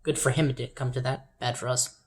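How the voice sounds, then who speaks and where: A woman's voice: very deep voice, steady tone, a little fast. A woman casually reading out the events of a game simulation, tripping over names and adding sheepish, wry asides. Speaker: game player narrating events.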